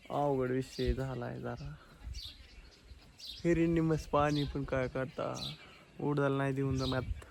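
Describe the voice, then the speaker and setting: A man rambles chattily to his viewers, his voice staying fairly flat in tone. He records on his phone outdoors on a farm at dusk. Clear outdoor noise, animals and birds sit behind him. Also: medium pitch. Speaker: vlogger. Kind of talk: casual vlog chat to camera. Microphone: phone camera.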